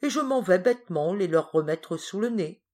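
A woman's voice: fairly low pitch, animated, normal speed, darkish tone. A woman reading aloud, voicing a dejected male thief who grumbles in slangy, self-mocking complaints. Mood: rueful.

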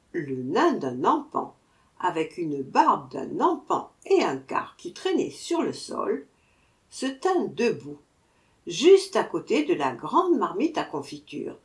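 A woman reads a fairy tale aloud at an unhurried, deliberate pace. Her voice rises and falls with animated, expressive intonation, carrying the story along in a classic storybook narration. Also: medium pitch.

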